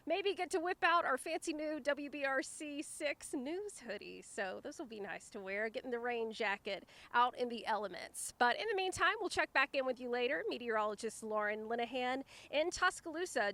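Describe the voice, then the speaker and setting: A woman's voice: on the high side, moderate pace, hardly any pauses, sharp tone. A woman meteorologist giving a live outdoor weather report in a chatty, conversational way with informal asides. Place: outdoors, riverside park.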